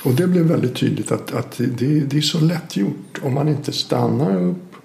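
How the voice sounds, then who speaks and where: Gravelly, thoughtful man in an echoey room. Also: mid-range voice, warm tone, a little hiss or hum. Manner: thoughtful, hesitant with repeated restarts. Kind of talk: reflective conversation. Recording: echoey room with faint ambience.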